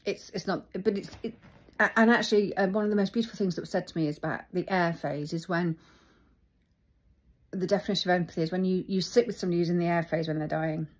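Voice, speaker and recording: A middle-aged woman talking reflectively about her feelings, thoughtful and halting as she searches for words. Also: fairly low pitch. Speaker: vlogger. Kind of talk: reflective personal talk.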